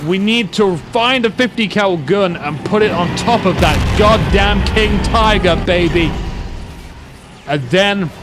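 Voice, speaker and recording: A man's voice: high-pitched, unhurried. A man casually commentating a strategy war game, rambling with joking asides. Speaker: gameplay commentator. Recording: loud game gunfire underneath. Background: gunfire and vehicle noise from the game.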